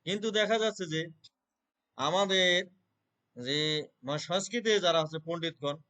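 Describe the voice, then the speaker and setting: Earnest man with a high-ish voice. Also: expressive, pushed and bright. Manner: earnest, repeats filler words, chants verses rapidly in recitation. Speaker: Gita reciter. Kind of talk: conversational interview answers.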